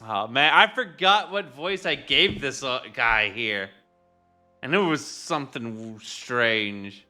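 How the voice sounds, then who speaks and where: A man's voice: medium pitch, lively intonation, takes it slowly, sharp tone, soft background music. A man streaming a video game live, reading its dialogue aloud and muttering casual asides.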